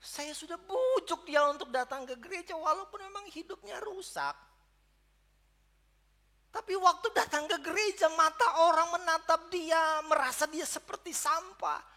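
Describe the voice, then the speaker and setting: A man's voice: extremely high pitch, moderate pace, sharp tone. A man preaching a sermon to his congregation, speaking to them directly and building to emphatic peaks. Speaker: pastor. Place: church service.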